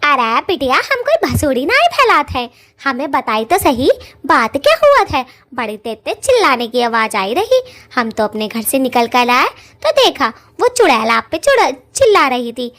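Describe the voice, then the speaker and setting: A prying village witch auntie in a cartoon, put on by a woman. She drawls her gossip in a high, bouncing voice. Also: very animated, normal speed, a bit bright. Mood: nosy.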